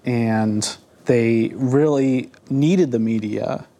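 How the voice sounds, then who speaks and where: A man hosts a podcast, posing questions and narrating scripted segments in a conversational, inquisitive way. His voice is warm and medium-pitched, with drawn-out words.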